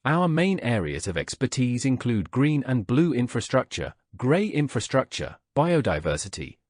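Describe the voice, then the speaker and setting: A man from Slovakia delivering a prepared conference lecture. His mid-pitched voice moves through a lively, animated melody, measured and deliberate, with rhetorical questions. The sound is close and dry, with almost no room around it. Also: no echo. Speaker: lecturer, vice president of a research institute.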